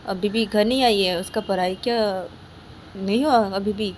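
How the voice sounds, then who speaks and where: A woman's voice: mid-range voice, moderate pace, slight background noise, natural voice. A worried middle-aged father, as a female storyteller puts him on asks anxiously after his daughter. The voice stays plain and questioning, in a homemade spoken storybook.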